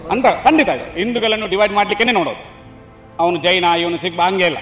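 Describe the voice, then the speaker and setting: Indignant local man, high-pitched. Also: quick pace, fairly bright tone, soft background music. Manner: emphatic, indignant, repeats his points. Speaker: local worker interviewed on the street. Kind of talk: street interview. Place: outdoors near a temple town.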